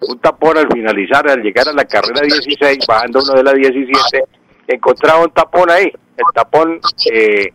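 A man with a Santander Colombian accent who answers listeners' questions on the radio like a teacher. He speaks slowly, repeats key words and pauses on "eh" fillers. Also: medium pitch, a bit bright. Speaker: language and local history expert on radio. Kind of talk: radio call-in explanation.

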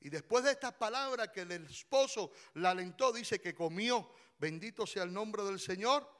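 A man preaching a passionate sermon as pastor, rising to shouts and drawing his words out slowly. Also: sits high, animated.

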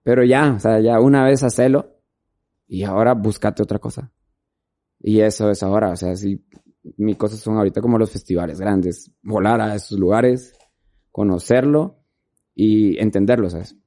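In a casual interview, a male videographer rambles from story to story, packing his speech with filler words. His voice is on the low side and mellow, with fairly even intonation and a moderate pace.

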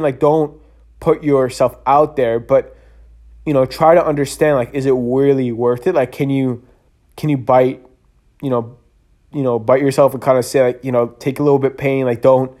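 Fairly high in pitch and a little mellow, a man talks alone on his podcast in a casual monologue. He sounds tired, yawns, and rambles earnestly with lots of fillers and restarts.

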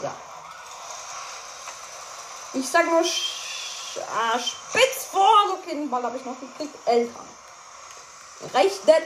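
A young woman commentates casually and playfully while playing a game, frequently tripping over her words. Her high-pitched, animated voice moves slowly with long pauses, recorded in an echoey, noisy room.

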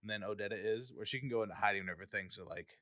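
A man co-hosting a casual chat about a novel, animated and swearing freely. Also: fairly low pitch, very fast, no echo, studio quality. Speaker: podcast co-host discussing a novel.

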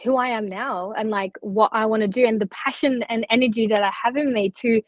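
The young woman, partly raised in Turkey and on the podcast as a scholarship recipient, speaks briskly in a fairly high, steady voice, earnest and chatty with plenty of "likes" and "you-knows." The candid interview has no echo but is captured in slightly dull lo-fi audio.

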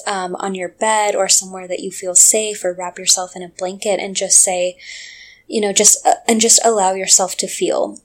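A young woman giving a gentle, reassuring talk on emotional healing, speaking straight to the listener. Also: mid-range voice. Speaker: self-help speaker.

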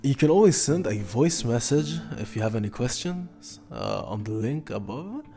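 A man hosting a casual solo sports betting podcast in halting, hesitant speech, often stopping and repeating himself. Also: medium pitch, very animated, mellow. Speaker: podcast host.

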